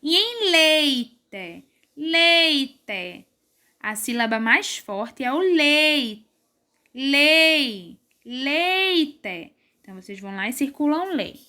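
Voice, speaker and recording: A woman teacher with a Brazilian Portuguese accent and a high, bright voice guides young pupils through an exercise. She explains patiently, step by step, and draws syllables out slowly whenever she stresses a word. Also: animated. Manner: slow, drawn-out syllables when stressing words. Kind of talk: recorded remote class lesson.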